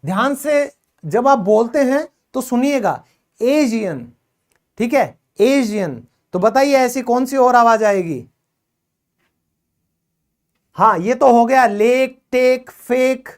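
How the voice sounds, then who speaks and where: A man teaching English phonics, explaining in Hindi, praising and quizzing his students as he goes. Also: very high voice. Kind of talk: classroom phonics lesson.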